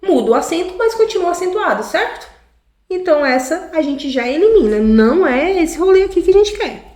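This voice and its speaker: A woman's voice: very high voice, animated, brisk, a little mellow. A woman with a Brazilian Portuguese accent, a teacher giving a recorded grammar lesson, explaining step by step and often checking in with the class. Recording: echoey room.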